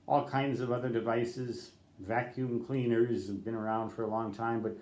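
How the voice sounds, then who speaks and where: An older man, a ham radio operator, speaks off the cuff to camera with rambling advice, correcting himself and spelling letters out in radio code. His voice sits on the low side and sounds a little mellow, and the room is echoey.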